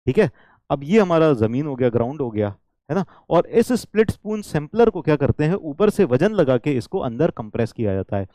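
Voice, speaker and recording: A man with a fairly high, mellow voice, recorded dry, teaches an engineering lecture. He keeps checking in with his students and repeats the key points, switching into an English line now and then.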